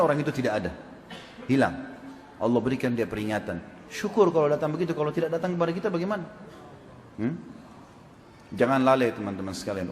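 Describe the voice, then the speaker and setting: A man preaching a sermon, asking his audience questions and acting out quoted speech. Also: medium pitch. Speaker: Islamic preacher. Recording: echoey hall with long reverb.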